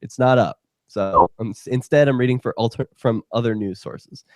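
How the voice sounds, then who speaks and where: A man's voice: mid-range voice, normal speed, dry recording, studio quality. A man hosting a talk radio show, ranting in a profane, heated and sarcastic way. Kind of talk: casual talk radio rant.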